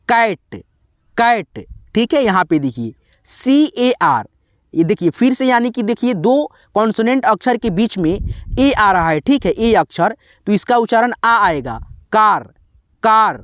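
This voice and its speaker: A man's voice: high-pitched, very animated, moderate pace, no room sound, clean studio sound. A man, teaching English pronunciation rules as a channel host. He often repeats himself and answers his own questions. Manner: repetitive, asks and answers his own questions, frequent "theek hai". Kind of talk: classroom explanation.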